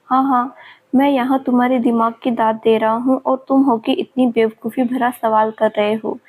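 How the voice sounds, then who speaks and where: Sneering creepy villain guy, read by a woman, fairly high, kinda flat. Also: moderate pace, close to an everyday voice. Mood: taunting. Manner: mocking and leering. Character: taunting, sleazy male villain escaped from an asylum.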